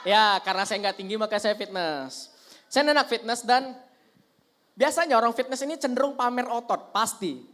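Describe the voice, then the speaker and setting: A young man doing a stand-up comedy set in a lively, teasing way, talking straight to the audience on a handheld mic. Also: extremely high pitch, normal speed.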